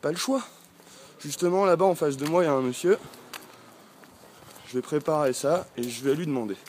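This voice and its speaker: A man's voice: on the high side, brisk, darkish tone, slight background noise. A man from France, a travel vlogger, chatting casually to a handheld camera as he walks through a village street, rambling and often hesitating. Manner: talking while walking.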